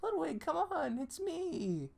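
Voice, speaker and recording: A hobby comic reader voicing a young person pleading loudly for their dog back. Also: big pitch swings, takes it slowly, gravelly, heavily acted. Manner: high pleading shouts. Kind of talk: hobby webcomic reading.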